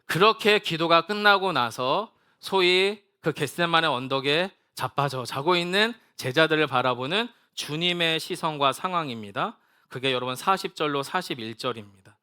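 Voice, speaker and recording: A man preaching a sermon as pastor, dropping to a soft hush on key points and leading the congregation in reading scripture together. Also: fairly high pitch, animated, moderate pace, smooth. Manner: acts out Jesus' prayers in plain casual speech, then drops to a soft hush.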